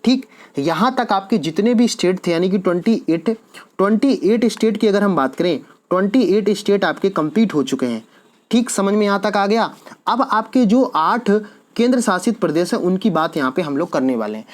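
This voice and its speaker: A man's voice: sits high, expressive, normal speed. A man teaching an exam-prep lecture, posing quiz questions and answering them himself, repeating each key answer.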